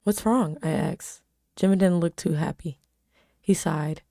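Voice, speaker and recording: A woman's voice: fairly low pitch, measured pace, warm tone, no echo, studio quality. A woman reading her own old fan fiction aloud with casual asides, a little embarrassed and self-critical. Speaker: amateur author reading own old stories.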